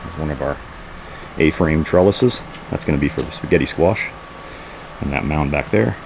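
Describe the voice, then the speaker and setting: This homesteading vlog is hosted by a man whose voice is exceptionally deep, speaking at a moderate pace. He walks around a backyard garden outdoors, casually pointing out things off the cuff amid clear background noise.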